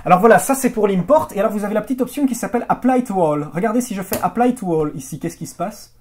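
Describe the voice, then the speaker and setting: A man explaining editing software settings in a tutorial, halting often with fillers and restarts and checking in with viewers. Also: high-pitched. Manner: addresses viewers directly with check-in questions. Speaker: video editing trainer. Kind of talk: screen-recorded software tutorial.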